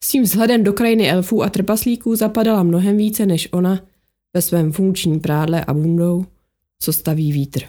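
Mellow woman narrating a novel. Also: on the low side, fairly even intonation. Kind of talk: audiobook narration.

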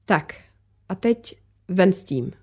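A guarded war photographer snaps and pushes back, as a woman reads her lines. Her voice stays mellow and dark even when she bristles, sharp and defensive in manner. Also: on the low side, slightly rough. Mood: defiant. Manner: defensive, snapping, agitated.

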